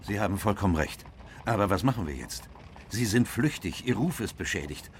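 An actor playing a loyal, earnest gentleman doctor who narrates and speaks in a radio drama, in a measured manner. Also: lowish voice, lively intonation, a little hiss or hum. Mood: concerned, earnest. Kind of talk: radio drama dialogue and scripted first-person narration.

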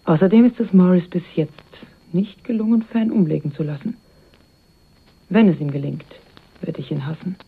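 A lowish, breathy-edged female voice at a moderate pace belongs to an actress portraying a self-possessed, mercenary woman in a 1980s German radio crime drama. She delivers her lines coolly and dryly, with guarded irony, captured on a dull, band-limited radio play recording.

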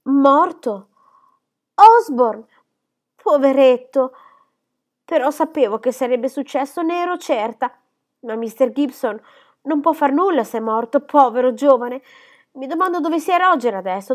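A woman reading aloud and voicing a fussy, self-absorbed middle-aged stepmother who complains in a shrill, exclamatory way. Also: big pitch swings, moderate pace.

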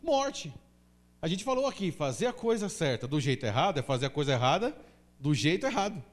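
A man's voice: fairly high pitch, very animated, fairly quick. A Brazilian man preaching a sermon as pastor in a church, emphatic and full of rhetorical questions. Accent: Brazilian Portuguese.

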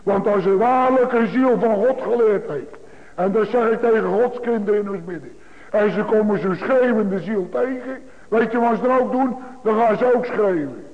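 A man preaches to his congregation in a high, insistent voice, hammering home his points through repetition. The sound is thin and phone-like, and a long reverb trails each phrase through the church. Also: normal speed. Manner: emphatic, repetitive preaching cadence. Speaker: pastor. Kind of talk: sermon. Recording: tinny phone-like broadcast in a large reverberant church.

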